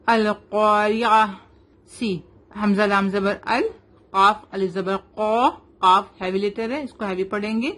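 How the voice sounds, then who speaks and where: Woman teaching recitation slowly, letter by letter. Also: medium pitch, fairly even intonation, a bit bright. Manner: patient, spells letters slowly, mixes English into explanations. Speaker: Quran teacher. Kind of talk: tajweed lesson, slow drilling.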